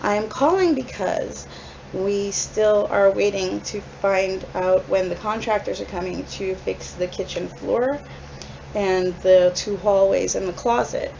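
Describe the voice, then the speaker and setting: A woman, a tenant and mother in her apartment, leaving a formal, measured voicemail of complaint for her landlord's office. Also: mid-range voice, creaky, warm tone. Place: apartment, indoors. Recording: slightly muffled, faint background noise.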